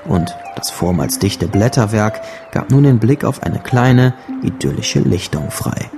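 A male narrator with a low, creaky voice tells a fantasy tale in scripted storybook style. His tone is on the mellow side, with faint music behind him.

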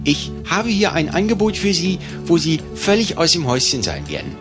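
An overeager infomercial salesman, played by a man, pitches in a high male voice that swoops with showy patter. Music runs behind this shopping-channel parody. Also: huge pitch swings, normal speed. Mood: eager selling.

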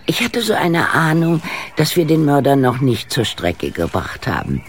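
An actor playing a musing, wry detective in a crime audio play. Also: male voice, on the high side, huge pitch swings, normal speed, a little hiss or hum. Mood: pensive.

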